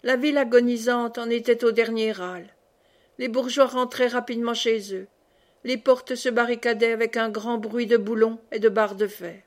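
A woman's voice: fairly high pitch, steady tone, moderate pace, a little mellow. Woman reading a classic novel aloud. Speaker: audiobook reader. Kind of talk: scripted narration.

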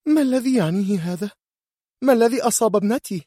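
A man voicing a furious, proud noble mother who shouts in outrage, with a shrill, loud voice. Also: expressive, quick pace, no room sound, studio quality. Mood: horrified.

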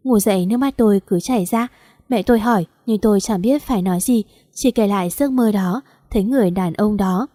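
A woman narrating a first-person audio story in a steady, even storytelling manner. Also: mid-range voice, a little fast, no echo, clean studio sound.

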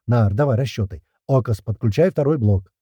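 A man's voice: medium pitch, dark tone, slightly rough, dry recording, studio quality, lightly acted. A man voicing a tense male engineer who snaps orders at his helpers in an audiobook. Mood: urgent. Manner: brisk, commanding.

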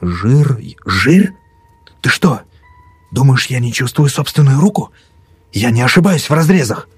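A man's voice: mid-range voice, expressive, moderate pace, warm tone, breathy edge, no echo, faint music behind, voice pushed up. A man voicing a panicking young doctor who pleads frantically in a storybook reading. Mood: indignant. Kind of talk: audiobook character voice.

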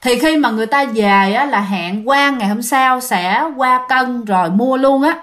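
A woman tells a ghost story in a high voice. She talks in a chatty way and often addresses her listeners directly. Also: moderate pace, fairly bright tone.

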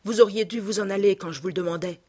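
A woman reads an earnest male painter in a storybook reading, loud and emphatic. Her tone is breathy and husky. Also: mid-range voice, fast, close to an everyday voice. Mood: urgent. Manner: emphatic, urgent exclamations. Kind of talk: audiobook reading.

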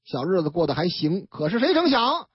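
A man's voice: high voice, very animated, fairly quick, husky, no room sound. A man with a Beijing accent telling a crime story on the radio in a chatty way, acting out the characters. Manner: chatty, acts out every character. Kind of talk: colloquial crime story narration. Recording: dull lo-fi radio broadcast, dry.

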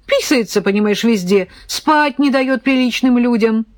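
A woman voicing a cantankerous old man, a quarrelsome pensioner, in an audiobook, talking slowly and querulously. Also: a little high, no room sound, voice pushed up, close to an everyday voice. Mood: querulous, indignant.

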